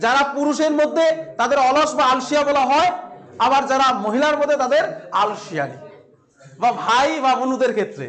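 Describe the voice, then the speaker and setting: Very high-voiced Bengali male teacher. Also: lively intonation, fairly quick, fairly bright tone. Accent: West Bengal Bengali. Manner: quizzing, repeats each answer, playful asides. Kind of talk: classroom exam-prep lesson. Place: classroom filmed by a cameraman.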